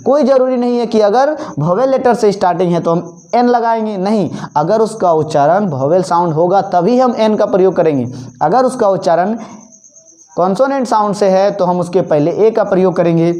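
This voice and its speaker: A man teaching an English grammar lesson, repeating each example word slowly and asking questions that he then answers himself. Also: high-pitched, mellow. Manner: asks the class questions and answers them himself. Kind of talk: classroom-style grammar lesson.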